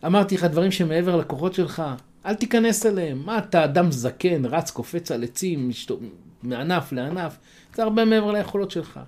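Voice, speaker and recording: A man's voice: sits high, lively intonation, darkish tone, pitched above the performer's own voice. A man voicing a sly female dove who scornfully taunts a foolish old man in a spoken folk tale.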